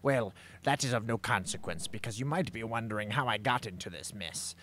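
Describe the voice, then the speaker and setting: A man voicing a pompous, scheming skeleton brawler in a comedic game roleplay, with drawn-out villainous delivery. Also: on the low side, a bit bright, close to an everyday voice. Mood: grandiose. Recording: noisy mic with hum.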